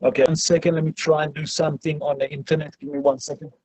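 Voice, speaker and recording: A man's voice: a little high, level tone, a little mellow, dry recording. A man, a rabbi, teaching a class over a choppy group video call and repeating himself as the connection cuts out. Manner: halting, repeats himself while the line breaks up. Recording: muffled lo-fi internet call audio.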